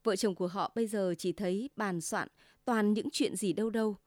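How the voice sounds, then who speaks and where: A woman reading a story aloud, in an even, measured narration. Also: medium pitch, no room sound, studio quality.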